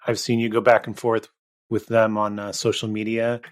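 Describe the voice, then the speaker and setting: A man's voice: lowish voice, monotone, normal speed. A man hosting a podcast, asking casual interview questions in a hesitant, roundabout way.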